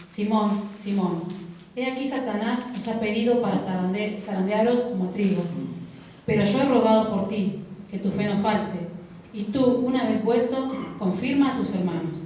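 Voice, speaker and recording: A woman reading scripture aloud to a congregation in a measured, deliberate way. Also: mid-range voice, mellow, a little hiss or hum. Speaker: scripture reader. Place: church hall. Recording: echoey church hall, from far off.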